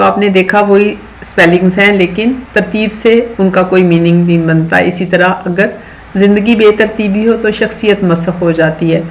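A patient primary school teacher with a Pakistani accent narrates a video lesson for young children. Key words are repeated and English sentences are read out slowly and deliberately. The talk is instructive and closes with moral advice to the children. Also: medium pitch, slight background noise, low-quality recording.

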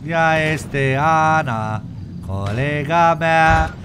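A man's voice: a little high, background noise. A man with a Romanian accent roleplaying a captive in a game, cheeky and joking while he pleads for his life. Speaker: streamer playing a roleplay game. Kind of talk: in-character roleplay banter.

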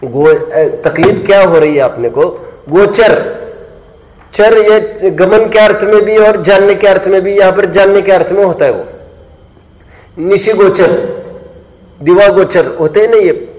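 A man's voice: sits high, a little slow, pauses often, a little mellow. A man teaching Jain philosophy in a lecture, questioning students, repeating key points and chiding those who do not follow. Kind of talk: classroom lecture explaining a text. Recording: long reverb in a hall.

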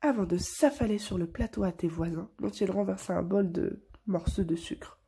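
A woman reading a picture book aloud to children in a soft, hushed storytelling voice. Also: mid-range voice, normal speed, gravelly, breathy edge.

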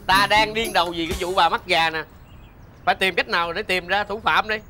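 An actor playing a stern young district mandarin judge in a folk tale TV drama. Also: male voice, high-pitched, steady tone, a little fast, bright, forceful tone, faint music behind. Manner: stern, commanding orders.

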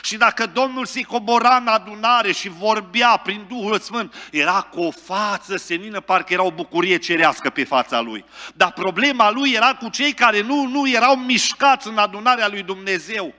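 High-voiced, bright man preaching. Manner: fervent preaching, rising to loud exclamations. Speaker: pastor. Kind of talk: sermon. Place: large church hall. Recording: long church reverb.

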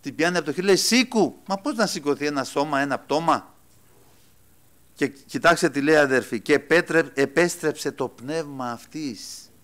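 A man delivers a church sermon in a high-pitched voice. He calls his listeners brothers. He swings between loud, ringing exclaiming and quiet, dropped asides. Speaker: preacher.

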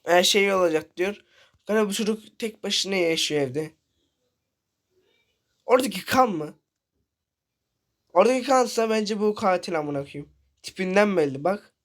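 A man's voice: high voice, animated, moderate pace, pauses often. A man giving casual commentary over a horror game, reading and translating the characters' lines aloud and swearing freely. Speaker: gaming channel host.

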